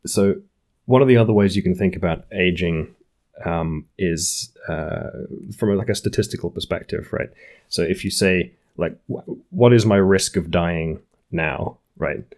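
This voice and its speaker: A man's voice: low-pitched, measured pace, darkish tone. A man in his late twenties co-hosting a podcast, talking through ideas in a thoughtful, hedging way with many restarts. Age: 20s. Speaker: podcast co-host. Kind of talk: casual science discussion.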